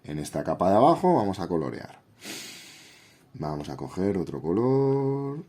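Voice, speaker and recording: Here a man with a deep, dark voice speaks at a moderate pace with a sing-song lilt. A YouTube host with a Castilian Spanish accent, he's congested from a head cold as he casually walks viewers through a drawing app in a tutorial and review, addressing them directly.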